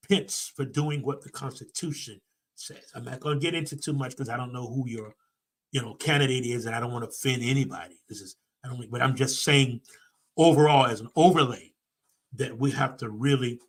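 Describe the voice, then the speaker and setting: Emphatic preacher man with drawl. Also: a little high. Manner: preacherly, repeats phrases for emphasis, swings from loud to soft. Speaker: pastor and personal development teacher. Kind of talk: preaching-style talk to an audience.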